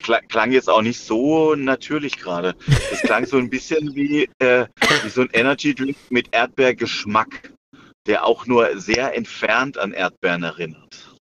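A man's voice: medium pitch, unhurried. A man chatting as a podcast co-host through a car's hands-free speakerphone, joking and often stumbling over repeated words. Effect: car hands-free speakerphone call. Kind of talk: casual joking chat. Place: car on the road. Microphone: car hands-free system. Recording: lo-fi hands-free call with faint noise.

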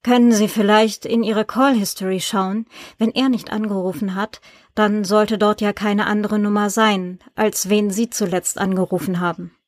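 A polite, persistent male journalist in an audiobook, read by a woman. He asks questions in a calm, businesslike way. The recording is dry and close. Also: mid-range voice, normal speed, dry recording, lightly acted.

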